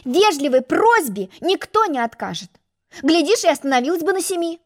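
A puffed-up, self-important egg from a storybook lectures in a high, sing-song voice, as a woman acts him out. His pitch leaps about eagerly, and every reply drips with condescension. He takes offense at the slightest remark. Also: sing-song. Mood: lecturing. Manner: haughty, lecturing, quick to take offense. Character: pompous boastful egg-shaped male storybook character. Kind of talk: storybook reading.

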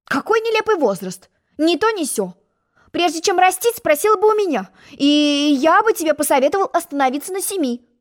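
A woman voicing a pompous, boastful egg-shaped male character in a storybook reading, haughty and quick to take offense. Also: very high voice, very animated, pitched above the performer's own voice. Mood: lecturing.

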